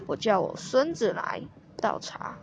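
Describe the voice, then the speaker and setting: Brief: kindly old grandpa voiced by a woman, slow and plain, storybook. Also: a little high, big pitch swings, vocal fry, a little hiss or hum, full character voice. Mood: earnest.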